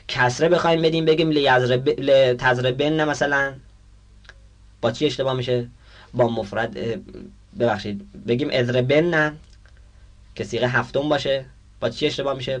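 With a medium-pitched voice, a man teaches a grammar lesson by reading Arabic text aloud and explaining it. He often poses questions to the class and then answers them himself.

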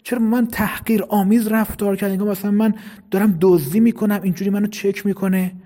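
A man's voice: sits high, fairly even intonation, warm tone, voice pushed up, lightly acted. A man voicing a grown child who rattles off indignant complaints about being treated unfairly by their parents. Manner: rapid indignant complaining questions.

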